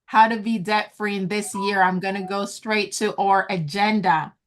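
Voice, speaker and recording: Over a video call, a woman hosting an online event as a business coach teaches a group with earnest encouragement, calling everyone guys. Her voice is medium-pitched and steady, her pace moderate, in slow and deliberate teaching.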